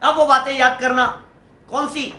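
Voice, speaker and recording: High, bright-voiced male preacher. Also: moderate pace, echoey room. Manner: lively, questioning the audience. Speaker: Jain preacher. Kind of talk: devotional sermon with sung hymn lines.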